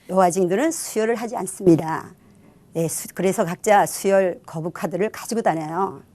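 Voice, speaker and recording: A woman's voice: medium pitch, a little mellow, no room sound. A middle-aged woman giving her church testimony in an earnest, reflective storytelling manner. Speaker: testimony speaker.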